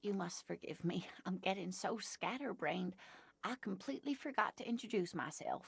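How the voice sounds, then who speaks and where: A woman's voice: medium pitch, lively intonation, normal speed. A woman playing a sweet, scatterbrained elderly woman in a video game. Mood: genteel, sweet. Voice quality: creaky, husky.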